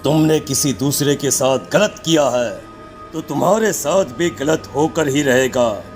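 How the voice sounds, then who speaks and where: An actor voicing a stern, ominous tantric holy man in a horror cartoon, accusing and deliberate. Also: medium pitch, darkish tone, faint music behind, lightly acted.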